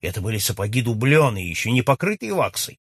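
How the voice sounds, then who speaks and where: A man reading aloud and voicing a blunt young baronet who talks loudly and forthrightly in a husky voice. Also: medium pitch, sing-song, fast talker, dry recording, studio quality. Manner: loud, forthright, exclaiming. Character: young hearty baronet back from abroad, blunt.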